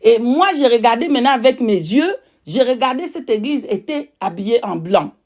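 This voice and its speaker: A woman's voice: on the high side, lively intonation, a little mellow. Woman testifying in foreign-accented French, emphatic and repetitive. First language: not French. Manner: emphatic, repetitive, pausing to search for words. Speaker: religious witness giving testimony.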